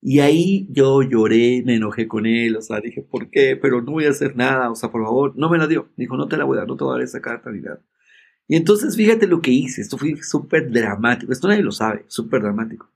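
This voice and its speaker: A man, a guest in a conversation, telling a personal story in an emphatic, animated way and often checking in with his listener. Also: mid-range voice, brisk, creaky, slightly rough.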